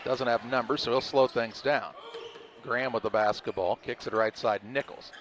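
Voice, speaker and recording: A man calling a high school basketball game in quick, clipped play-by-play. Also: fairly even intonation, fairly bright tone. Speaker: play-by-play announcer. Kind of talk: live sports commentary. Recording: crowd noise and gym ambience behind.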